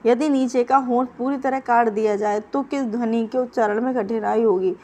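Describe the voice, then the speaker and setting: Woman tutor for exam prep, brisk and coaching, somewhat high voice, drills each answer twice. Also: fairly even intonation, dark tone, slight background noise. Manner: quizzing and repeating answers. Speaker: teacher.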